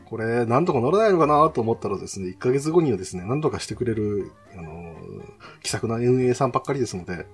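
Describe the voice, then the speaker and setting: A man's voice: mid-range voice, lively intonation, fast talker, faint music behind. A man chatting casually and politely about games as a host, in a chatty way. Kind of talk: casual game talk with a co-host.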